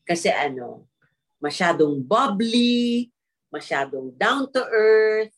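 A middle-aged actress chatting casually as a guest, telling animated stories and laughing often, slipping English into her talk. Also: mid-range voice, slow. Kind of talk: casual chat in an online interview.

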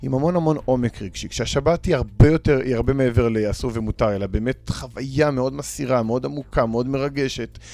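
A man's voice: mid-range voice, gravelly, few pauses, darkish tone. A man, a panel guest and educator, speaking earnestly and restarting words as he searches for them. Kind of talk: reflective panel discussion.

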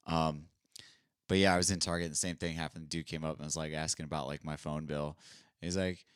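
A man's voice: rumbling low, fairly quick, clean tone, dry recording, clean studio sound. A young adult man co-hosting a podcast, telling stories in casual chat and acting out what other people said. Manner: animated storyteller, acts out quoted dialogue. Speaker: podcast co-host.

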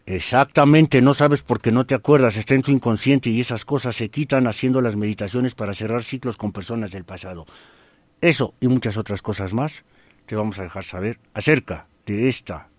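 A man's voice: medium pitch, fairly quick, no room sound. A man with a Mexican Spanish accent hosting a radio self-help talk in a casual, colloquial way, asking rhetorical questions and acting out little everyday scenes. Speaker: radio host.

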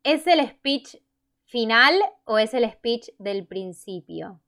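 Rioplatense girl teasing her friend in a movie quiz, smooth clear voice a bit high. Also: lively intonation, slow, a bit bright. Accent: Rioplatense Spanish. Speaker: quiz player. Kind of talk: casual chat.

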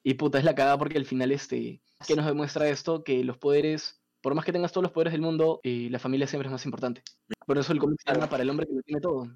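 A man, casually retelling a comic story as a podcast host, animated and profane. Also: a little high, fast talker, dull audio.

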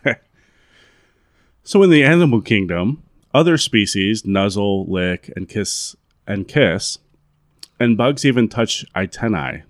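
A man's voice: fairly low pitch, lively intonation, measured pace, pauses often, no echo, clean studio sound. A man co-hosting a casual podcast chat, agreeable and laid-back, with casual swearing. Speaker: podcast co-host.

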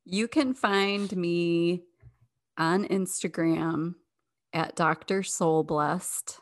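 Deep gravelly-voiced woman guest. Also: extremely slow, no echo, clean studio sound. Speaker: guest, wellness and skincare seller. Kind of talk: casual chat.

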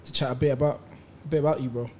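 A man's voice: medium pitch, steady tone, very fast, a little mellow, slight background noise. A man, chatting casually in slang as a podcast co-host.

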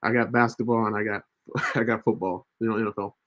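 A man in his thirties from the United States hosts a casual ministry livestream about faith, chatty and loose, repeating himself and tagging sentences with "right?". His voice sits on the low side with fairly even intonation, a brisk pace, and a bit of brightness.

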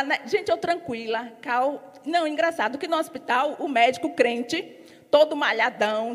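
A middle-aged woman giving a lively, animated testimony to a church congregation. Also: high voice. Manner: lively, animated storytelling with laughter. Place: church hall. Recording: long hall reverb.

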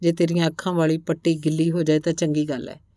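A woman's voice: low voice, flat delivery, fast, warm tone, no echo, clean studio sound, close to an everyday voice. A woman doing an eager young male herder. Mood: helpful.

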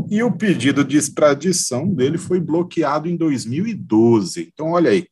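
A man's voice: medium pitch, a little mellow, husky. A Brazilian man hosting a podcast, explaining a story informally, often searching for words and adding tag questions. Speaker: podcast host.

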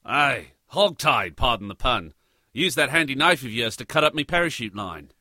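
An actor playing a cheeky, boastful adventurer who speaks with an Australian accent and a lot of slang. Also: male voice, mid-range voice, very animated, moderate pace, sharp tone, no echo, studio quality, full character voice. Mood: cocky. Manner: brash, joking, full of slang. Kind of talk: audio drama acting.

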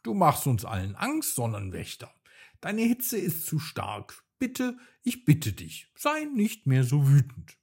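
A small, brave boy knight with a raised, eager voice, pleading in earnest, as a man puts him on. His tone is lively and a little husky, told in a slow children's storybook style. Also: sits high, pitched above the performer's own voice, full character voice. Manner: pleading, breathless.

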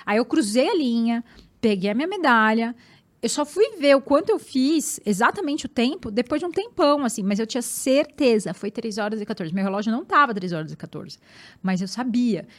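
Animated Brazilian woman telling her story. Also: a little high, brisk. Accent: Brazilian Portuguese. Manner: animated, emphatic, repeats words. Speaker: interview guest, marathon runner. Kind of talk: personal storytelling in conversation.

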